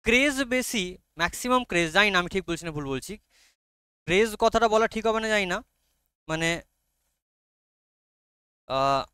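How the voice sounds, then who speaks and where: Bengali-accented male teacher, bright crisp tone, coaxing and patient, reads English lines slowly. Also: high-pitched, lively intonation, no echo. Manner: coaxing, checks often if students follow. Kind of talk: explaining a literature lesson to students.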